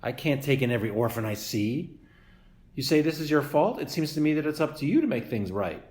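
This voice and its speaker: A man's voice: mid-range voice, sing-song, fairly quick, darkish tone, natural voice. A blunt old female goose in a storybook reading scolds and squawks at everyone, as a man puts her on. The voice is pushed up and pointed, with a roomy echo behind it. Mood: scolding.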